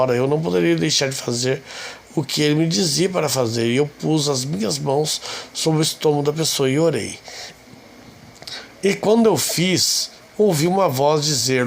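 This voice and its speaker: A man reading a translated sermon aloud, telling a testimony in a steady, measured way. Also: on the high side.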